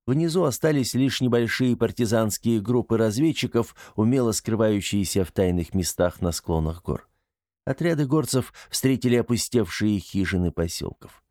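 A man's voice: fairly low pitch, mellow, dry recording, studio quality. A man reading fiction as an audiobook narrator, in a scripted storytelling style.

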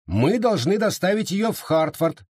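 A man's voice: high voice, very animated, normal speed, darkish tone, husky, dry recording, clean studio sound, pitched above the performer's own voice, heavily acted. A man voicing a blunt, reluctant colonial guard in an audiobook.

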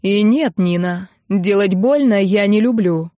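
A woman reading an audiobook voices a persistent, cool-headed rich young man who talks in a calm, mocking way. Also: medium pitch, unhurried, no echo, studio quality, natural voice. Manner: calm and mocking, flaring into shouts.

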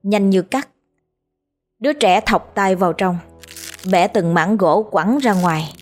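A woman narrates a scripted horror story at a mid pitch. Her delivery stays steady and measured throughout. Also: faint music behind.

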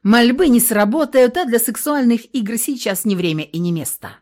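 A woman voicing a cruel, scheming husband in an audiobook, who shouts insults and then turns cold and sneering. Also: fairly high pitch, animated, normal speed, natural voice. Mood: menacing. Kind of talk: audiobook character reading.

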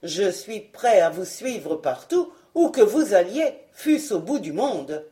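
A woman's voice: mid-range voice, very animated, slow pace, mellow. A woman voicing a timid young male companion in an audiobook. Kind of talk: audiobook character reading.

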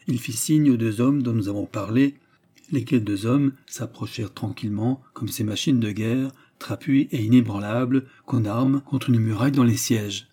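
A man narrating a classic novel as an audiobook in a steady, even reading. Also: mid-range voice, husky. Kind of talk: scripted literary narration.

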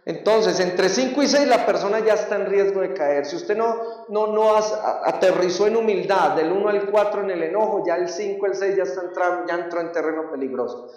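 Male seminar teacher, high voice, emphatic preaching style, recorded from far off in a very echoey hall. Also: a little fast, few pauses, muffled recording. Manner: emphatic, animated preaching with acted-out examples.

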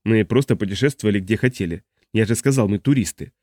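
A man's voice: on the low side, fast, darkish tone, no room sound, studio quality, lightly acted. A man voicing a stubborn, guarded traveler who refuses to give answers. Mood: defiant.

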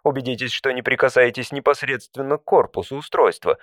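A man voicing an automated customer support phone menu in a comic audio story, politely deadpan with measured scripted prompts. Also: mid-range voice, no room sound, lightly acted. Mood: deadpan, exasperated.

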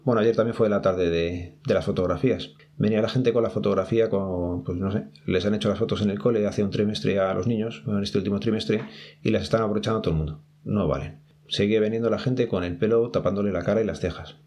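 A man's voice: fairly low pitch, a little mellow. A man with a Spain Spanish accent hosting a podcast, giving chatty, practical advice to his listeners in a casual monologue. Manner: chatty, advising listeners directly. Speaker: podcast host working at an ID card office.

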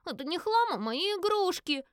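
A woman's voice: very high-pitched, big pitch swings, normal speed, no echo, studio quality, pitched above the performer's own voice. A woman voicing a small, whiny little girl in an audiobook. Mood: plaintive.

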